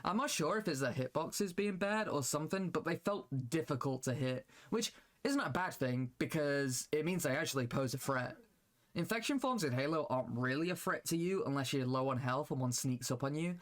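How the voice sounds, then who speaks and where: A man's voice: a little high, animated, fairly quick. A young man narrating a game mod review in a casual tone, dropping in "like" often. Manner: casual with frequent "like" fillers. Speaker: gaming YouTuber.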